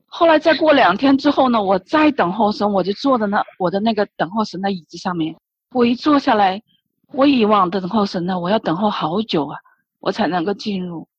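Husky-voiced woman giving a tearful testimony. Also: medium pitch, a little fast, no echo. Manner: emotional, repetitive storytelling with many restarts. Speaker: church member giving testimony. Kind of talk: personal religious testimony. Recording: dull lo-fi recording, dry.

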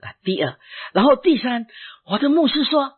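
A woman's voice: high-pitched, big pitch swings, moderate pace, husky. A woman, a former pastor, giving an emotional church testimony, asking herself questions and answering them. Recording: tinny phone-like sound.

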